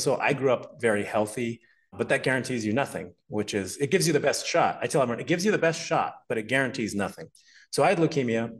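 A fitness expert in his forties from Montreal, Canada, appears as a podcast guest and tells his life story in a casual interview chat. His voice is mid-range, and he's animated and chatty, laughing often as he recounts events.

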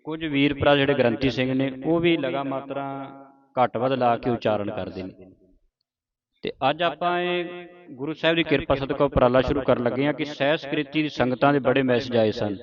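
A man teaching children scripture pronunciation, patiently repeating each word slowly and loudly. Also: medium pitch, lo-fi sound.

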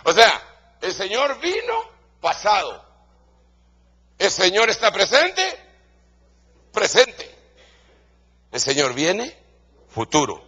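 Guatemalan male pastor, fairly high husky voice, emphatic sermon delivery, repeats lines for stress. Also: huge pitch swings, takes it slowly, long pauses, bright, forceful tone. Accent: Guatemalan Spanish. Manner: emphatic, repeats key phrases.

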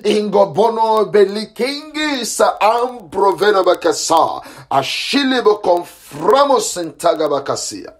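A man's voice: sits high, expressive, unhurried, few pauses. A man leading a prayer line as a pastor, praying fervently in a repetitive, chanting and commanding way, with stretches of speaking in tongues. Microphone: phone or call line.

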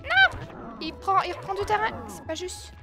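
A woman's voice: extremely high pitch, big pitch swings, moderate pace. A young woman commentating her own gameplay, shrieking at setbacks and scolding the game character. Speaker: let's play gamer. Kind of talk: excitable gaming commentary. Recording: game music playing behind her voice.

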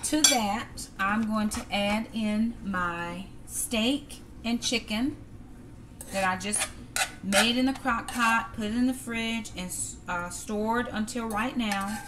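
A woman's voice: fairly high pitch, slow pace, very noisy. Chatty woman cooking at home. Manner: chatty, talks to viewers as "y'all". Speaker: cooking vlogger. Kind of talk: casual cook-with-me narration. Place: home kitchen, indoors. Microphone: camera on the counter. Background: clatter of dishes, pans and cutlery.

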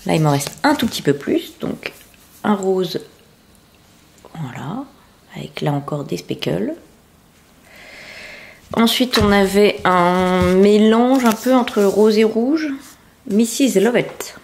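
A woman's voice: medium pitch, lively intonation, takes it slowly, vocal fry, long pauses, a little mellow. A woman hosting a casual knitting and sewing podcast, talking chattily with frequent hesitations while showing her work. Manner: chatty, many hesitations and fillers, showing items to camera. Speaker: podcast host.

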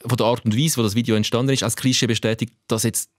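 A man with a Swiss German accent hosting a casual football podcast, telling stories in a lively way. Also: medium pitch, fast talker, no echo, clean studio sound. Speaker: podcast host.

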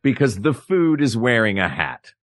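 A male podcast co-host in playful, joking conversation. His voice leaps up and down with lively expression. The sound is dry and close, with no room around it. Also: moderate pace, no echo. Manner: animated, playful, builds up jokes with big pitch swings. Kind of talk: comedic casual chat.

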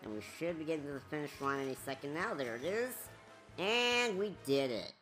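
A woman's voice: low-pitched, expressive, fairly quick, a bit bright, faint music behind. A woman giving casual, rambling commentary over a game walkthrough, chatty with many fillers.

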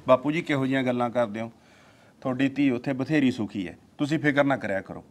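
An actor playing a calm husband who reassures his wife's father and talks with his mother. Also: mid-range voice, quick pace, lightly acted.

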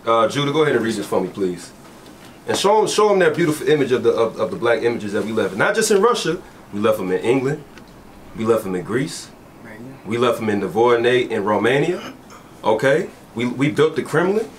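Forceful man preaching in a street debate. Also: medium pitch, very animated, a little fast, a little hiss or hum. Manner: forceful, insistent, repeats points.

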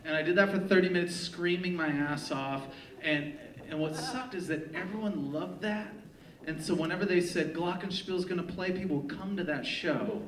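A man from California, a poet, telling a comic story live on stage with wry, deadpan, profane humor. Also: on the high side, normal speed. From Long Beach, California. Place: theater stage before a live audience. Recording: echoey theater, distant mic, crowd laughter.

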